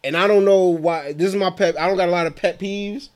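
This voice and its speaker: A man co-hosting a podcast, telling animated, slangy stories and laughing often, in casual chat. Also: high-pitched, brisk. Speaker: podcast co-host.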